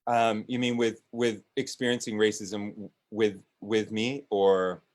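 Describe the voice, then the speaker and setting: A man's voice: fairly low pitch, little pitch movement, measured pace, darkish tone. A man speaking as a business owner and guest on a panel discussion, hesitant and full of restarts. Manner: hesitant, with many restarts and fillers.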